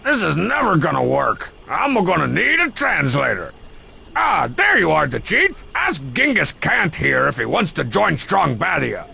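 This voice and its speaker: A cocky cartoon tyrant for a comedy game. The voice is very gravelly and bright, pompous and mocking, with big theatrical swings. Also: male voice, a little high, huge pitch swings, a little slow, a little hiss or hum, heavily acted. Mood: exasperated. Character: bossy, cocky, sarcastic cartoon would-be dictator.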